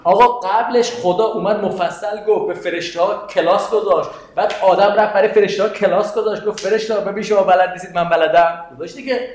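A man's voice: high-pitched, steady tone, a little mellow. A man teaching a Quranic exegesis class, explaining step by step, quoting Arabic verses and questioning his students. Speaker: religious teacher. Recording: very echoey classroom.

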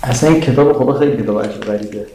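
A man giving a religious lecture to an audience, animated, putting questions to the listeners and quoting scripture. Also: medium pitch. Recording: very echoey hall.

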